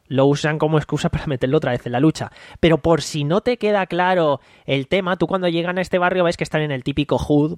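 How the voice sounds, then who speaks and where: Man, casual podcast chat, somewhat high voice, dry close sound. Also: no echo. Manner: rambling, recounts scenes by acting out quotes. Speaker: podcast host.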